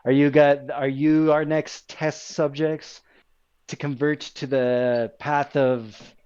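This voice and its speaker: A man's voice: on the high side, flat delivery, slow, a little mellow, clear, resonant tone, dull audio. A man voicing a menacing male cyborg cultist in a tabletop game, speaking formally as he tries to recruit his captives.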